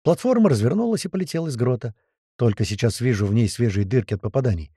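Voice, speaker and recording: A man reading a first-person audiobook with tense, lively storytelling. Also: medium pitch, fast talker, slightly rough, dry recording, studio quality. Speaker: audiobook narrator.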